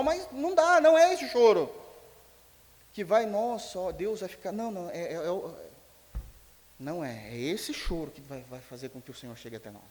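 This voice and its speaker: A Brazilian man preaching a sermon as pastor, telling a story in an animated way and acting out its dialogue. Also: very high-pitched. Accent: Brazilian Portuguese. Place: church sanctuary. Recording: long church hall reverb.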